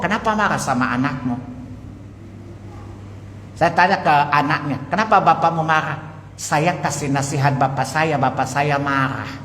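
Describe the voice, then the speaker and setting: A man's voice: fairly high pitch, a little hiss or hum. A man preaching a sermon, telling stories with acted-out dialogue and asking his listeners questions. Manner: lively storytelling, asks the audience questions, acts out dialogue. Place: mosque hall. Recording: echoey mosque hall.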